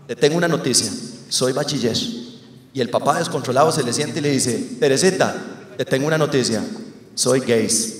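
A man with a Costa Rican accent doing stand-up comedy, telling a crude, swearing story with lively energy on a theater stage. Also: high-pitched, roomy sound, long reverb tail.

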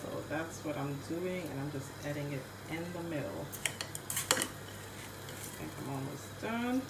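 A woman's voice: low-pitched, animated, measured pace. A Haitian woman cooking in her home kitchen, chatting casually to viewers and filming on a phone held in one hand. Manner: chatty, rambling asides to viewers. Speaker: cooking vlogger. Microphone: phone camera held in one hand. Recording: echoey kitchen, stove and pot noise.

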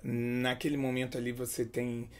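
A man's voice: mid-range voice, completely flat delivery, moderate pace, slight background noise. A middle-aged man with a Brazilian Portuguese accent, hosting a TV interview in a hotel studio set, with announcer-style intros and probing questions. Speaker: interviewer and show host.

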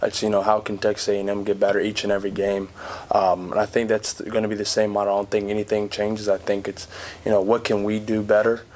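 A man's voice: lowish voice, little pitch movement, fast talker, hardly any pauses, a little mellow. Young man answering at a press conference. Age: young adult. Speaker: college basketball player. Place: press conference room in front of a backdrop.

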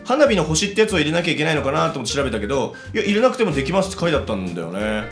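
A man giving casual let's-play commentary, chatty and excitable, talking to himself as he plays. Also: a little high, very fast. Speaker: game commentator. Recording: roomy echo with background music.

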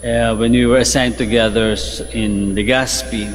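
Filipino priest preaching in a reverberant church. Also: male voice, fairly even intonation, normal speed. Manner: conversational, rises in pitch for emphasis and quoted lines. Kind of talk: homily mixing English and Tagalog. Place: large church, at the altar. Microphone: fixed mic from a medium camera shot. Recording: long church reverb, faint noise.

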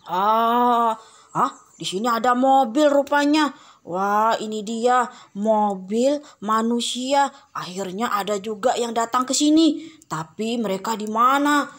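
A woman voicing a huge menacing giant who hunts children, talking slowly and gloating with booming laughs in a cartoon game drama. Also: a bit bright. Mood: searching.

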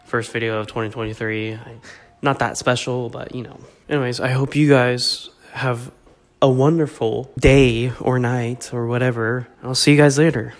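A man's voice: mid-range voice, level tone, moderate pace. A young man with a stuffed-up, congested voice from a cold, giving a joking, rambling, self-deprecating casual vlog update. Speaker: vlogger.

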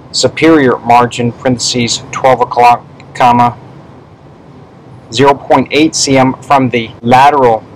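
A man dictates a clinical report at a slow, deliberate pace, voicing each punctuation mark. His voice sits at a middling male pitch, with steady room noise behind it. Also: rough recording. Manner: measured dictation, speaking punctuation aloud. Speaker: pathology specimen prosector.

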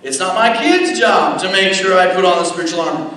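High-voiced preacher in an echoey hall. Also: male voice, sharp tone. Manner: deliberate preaching with repeated "okay" checks and emphatic repetition. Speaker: pastor. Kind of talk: sermon. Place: church sanctuary. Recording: echoey church hall from a distance. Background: long hall reverb.

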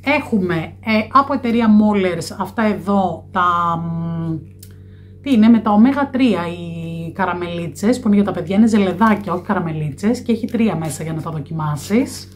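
A woman's voice: lowish voice, lively intonation. A woman in her thirties talks straight to a nearby camera in a small room, walking through products with an easy, chatty flow. She often stops on a filler "e" before brand names. A faint hiss sits under her voice. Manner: chatty, fills pauses with "e". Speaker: vlogger. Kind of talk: product review vlog. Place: small room indoors by a window.

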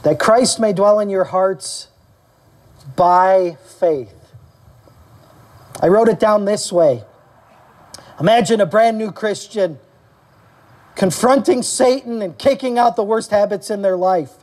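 A male pastor preaching to his congregation in a church service. He talks animatedly and leaps higher in pitch to act out quotes. He asks his listeners questions and calls out for amens. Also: slow pace, pauses often, a little mellow. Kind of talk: sermon.

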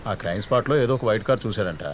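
A man's voice: on the low side, racing, a little hiss or hum, natural voice. An actor playing a dutiful male police constable in a dubbed film, deferential to his superior and bossy with underlings. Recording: roomy echo.

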